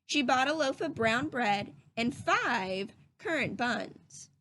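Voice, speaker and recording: A woman reading a children's story aloud in an instructive, teacherly manner, pausing to put questions to young listeners. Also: a little high, lively intonation, bright, forceful tone, a little hiss or hum. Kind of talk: children's read-aloud narration.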